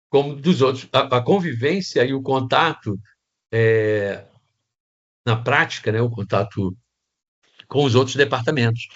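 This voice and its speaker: A man with a Brazilian Portuguese accent and a mid-range voice teaches set design in a casual online class, captured in lo-fi sound. He rambles, restarting sentences and tacking on lots of tag questions.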